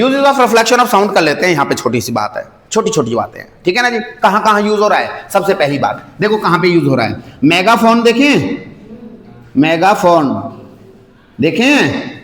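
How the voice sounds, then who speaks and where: A man teaching a science class, lively and often asking the students questions. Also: high voice, a little hiss or hum. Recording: echoey room, long reverb.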